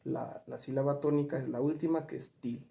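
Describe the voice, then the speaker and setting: A man's voice: mid-range voice, fairly even intonation, a little fast, vocal fry, warm tone. A man teaching spelling rules step by step, asking questions and working through examples. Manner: asks questions and gives examples. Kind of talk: patient step-by-step explanation. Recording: roomy echo.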